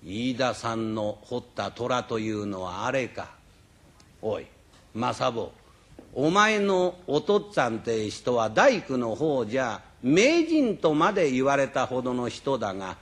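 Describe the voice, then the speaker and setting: A rakugo storyteller voicing a calm, wise old master carver who speaks slow and low. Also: male voice.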